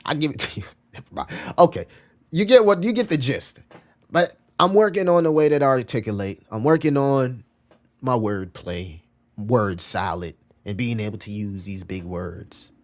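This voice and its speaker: A man's voice: medium pitch, lively intonation, unhurried, darkish tone. Slangy, repetitive male streamer. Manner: loose, slangy and repetitive, often calling out "bro"; talks back to chat messages as he reads them. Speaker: crypto livestream host. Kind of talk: casual live-stream chat.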